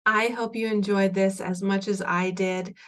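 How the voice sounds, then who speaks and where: A woman podcast host speaks in an even, level tone with little rise and fall. She offers attentive listening sounds and wraps up the episode plainly. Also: mid-range voice, a little slow. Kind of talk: interview host, brief backchannels and outro.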